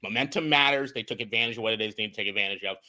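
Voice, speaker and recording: A young man co-hosting a casual sports podcast, with a bright, forceful voice. He talks in an animated way, swears freely, and stumbles over restarted words as he breaks down game film. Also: lowish voice, racing. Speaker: podcast co-host and film analyst.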